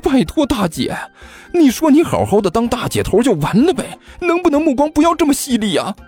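A man's voice: extremely high pitch, wildly swooping pitch, brisk, darkish tone, husky, soft background music, voice pushed up, heavily acted. A man voicing a chubby teenage boy who stammers and blusters in an audiobook. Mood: pleading. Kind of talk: audiobook character voice.

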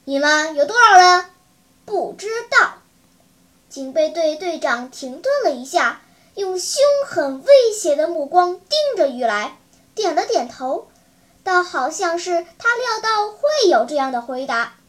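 A woman's voice: sits high, expressive, measured pace. A woman narrating a children's story in a vivid, dramatic storytelling manner. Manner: vivid, dramatic, clear enunciation.

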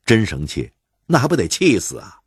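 A man's voice: fairly low pitch, huge pitch swings, normal speed, slightly rough, no room sound, clean studio sound, voice pushed up, full character voice. A man with a Beijing accent voicing a jovial, stubborn old Beijing bird fancier who jokes wryly. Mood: rueful. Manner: wry joking banter.

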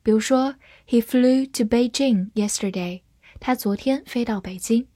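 Slow, clear woman teaching English. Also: a little high, dark tone, no room sound, clean studio sound. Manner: clear, slow, deliberate spelling and model reading. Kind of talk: scripted vocabulary lesson.

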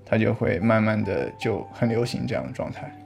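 A man's voice: fairly low pitch, sing-song, brisk, vocal fry, a little mellow, faint music behind. A man who is a guest on a podcast, explaining his topic in an easygoing way, thinking aloud with restarts and easy laughs. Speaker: podcast guest, vlog creator. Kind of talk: casual podcast chat.

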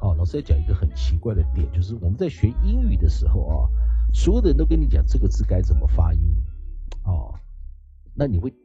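A man's voice: low voice, wildly swooping pitch, brisk. A man, raised in the United States, giving a chatty lecture on pronunciation as an English teacher. He keeps asking his listeners "right?" and mixes English words into his speech. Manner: chatty, asks rhetorical "right?", drops English words into the Chinese. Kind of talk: casual lecture. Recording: slightly dull recording with faint music.

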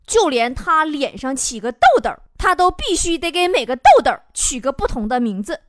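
Brash high-voiced woman comedy host. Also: expressive, normal speed, over loud music. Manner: brash, teasing, bursts into shouting. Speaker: talk show host. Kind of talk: comic storytelling monologue. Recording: loud background noise.

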